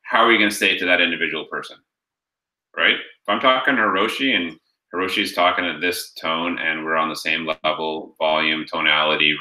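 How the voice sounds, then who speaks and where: Guy coaching sales over a call, low voice, really sharp tone, echoey room, keeps saying right?. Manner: energetic, punchy, keeps asking "right?". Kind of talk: coaching session on a group call.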